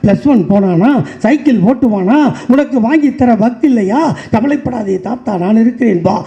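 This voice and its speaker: A man giving a political stage speech, repeating sarcastic rhythmic refrains that rise into shouts. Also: very high voice, moderate pace, gravelly, muffled recording. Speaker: political party speaker.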